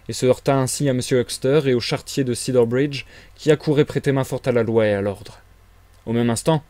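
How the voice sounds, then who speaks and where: A man reading a classic novel aloud on a live stream, in a steady storytelling delivery. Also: medium pitch, no echo. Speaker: reader.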